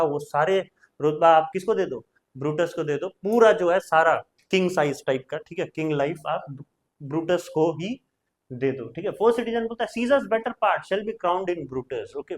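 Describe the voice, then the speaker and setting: A young man tutors students through a play in Hindi. His voice sits a little high, and he keeps tacking "theek hai" onto his phrases. When he reads the English lines, he slows down and stresses each word. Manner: says "theek hai" constantly. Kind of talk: explaining a play line by line in Hindi.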